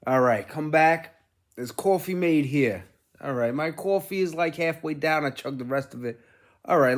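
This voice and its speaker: A middle-aged man, rambling casually as a vlog host, telling things in an animated way with casual swearing. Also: on the high side. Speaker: gaming streamer and host.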